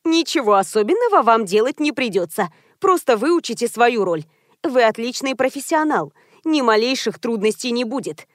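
Woman doing a scheming publicist, pushy, brisk, confident, fairly high voice, dry close audiobook sound. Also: sing-song, no echo.

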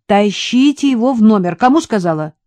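A woman's voice: sits low, very animated, measured pace, warm tone, breathy edge, no room sound, full character voice. A woman voicing a bossy, exasperated young woman who scolds and gives commands, in an audiobook. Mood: commanding.

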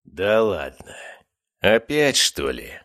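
A man's voice: lowish voice, big pitch swings, slow, a bit bright, dry recording, clean studio sound, voice pushed up, full character voice. A man voicing a firm, caring young nobleman hero who scolds his companions in an audiobook.

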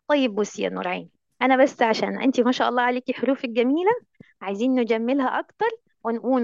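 A woman's voice: a little high, a little mellow, no echo, dull audio. A woman teacher with an Egyptian Arabic accent, coaching recitation in an online lesson, coaxing and affectionate, full of endearments.

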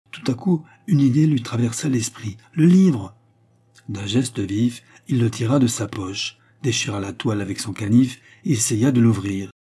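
A male narrator reads an adventure novel in a measured, storytelling way. His voice is dark and mellow, with a husky edge. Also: mid-range voice. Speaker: audiobook narrator.

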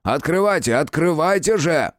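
A man voicing a stocky, irate official in his forties who barks orders in a booming, commanding voice. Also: animated, normal speed, no echo, studio quality, natural voice.

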